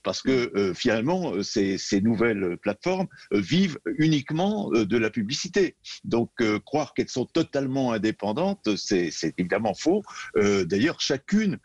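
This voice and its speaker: A man's voice: mid-range voice, very animated, moderate pace, a little mellow, no room sound. A man speaking as a guest in a radio debate, searching for names and filling gaps with fillers, heard through dull, dry, lo-fi sound.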